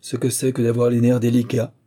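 A man's voice: mid-range voice, completely flat delivery, a little fast, warm tone, voice pushed up, lightly acted. A man doing a dry, ironic police agent. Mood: commanding. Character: wry, commanding male police agent.

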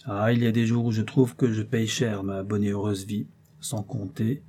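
A man voicing a scheming, smooth-talking doctor who feigns earnest candor, in an audiobook reading. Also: fairly low pitch, little pitch movement, normal speed, warm tone, a little hiss or hum, close to an everyday voice. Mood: brooding. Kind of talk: audiobook character voice.

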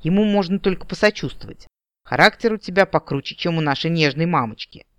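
A man's voice: a little high, lively intonation, fairly quick, fairly bright tone, smooth, no echo, dull audio. A man voicing a teasing, ironic elder brother talking on the phone in an audiobook. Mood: mocking. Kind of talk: audiobook character voice.

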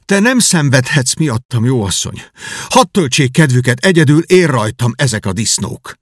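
Man playing a haughty boy prince, dignified, lively pitch, dry recording, audiobook. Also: husky, no room sound. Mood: indignant, proud. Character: proud, stubborn young boy prince.

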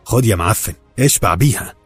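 A man voicing a furious Egyptian housewife who shrieks and curses in a husky voice. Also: on the low side, fast talker, a little mellow, faint music behind. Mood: furious shrill. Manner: shrieking, cursing, indignant. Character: shrill furious Egyptian housewife, middle-aged.

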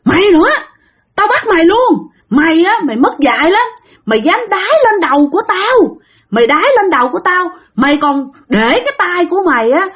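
A woman's voice: a little high, animated, a little fast, hardly any pauses. A woman voicing a furious male spirit that has possessed a boy, screaming accusations with a Southern Vietnamese accent.

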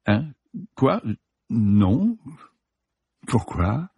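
A man reading an audiobook, voicing a young male student with a raspy, grating voice that growls low. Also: sing-song, drawn-out words, dark tone, dry recording, studio quality, heavily acted. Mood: puzzled. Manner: growling low, then panicky and shrill.

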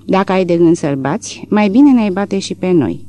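A man's voice: high voice, animated, warm tone, pitched above the performer's own voice. A man reading an indignant country farmhand. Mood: reproachful. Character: angry rural farmhand, grown man.

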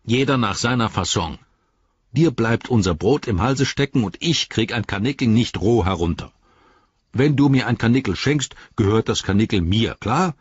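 A sturdy hobbit servant, as a male audiobook reader plays him, deep and husky, speaking bluntly and grumbling. The dry, dull recording sits close and lo-fi. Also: expressive, moderate pace. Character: stout-hearted gruff male hobbit servant. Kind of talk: audiobook character voice.

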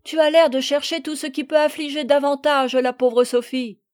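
A woman's voice: high-pitched, normal speed, darkish tone, close to an everyday voice. A woman reading the lines of a loyal, indignant young boy in a storybook.

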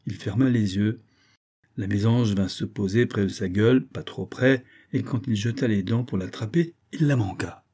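A man reads a storybook aloud with a measured, even delivery. His voice is mellow and soft, with a husky grain. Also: on the low side. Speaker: narrator. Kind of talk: storybook reading.

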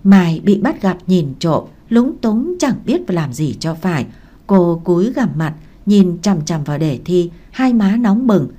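A woman narrating a romance novel in an even, measured storytelling voice. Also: lowish voice.

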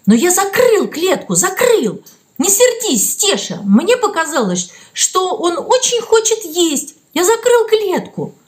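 A woman's voice: extremely high pitch, measured pace, voice pushed up. A woman voicing a hot-headed young schoolboy who insists, desperate and defensive. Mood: insistent.

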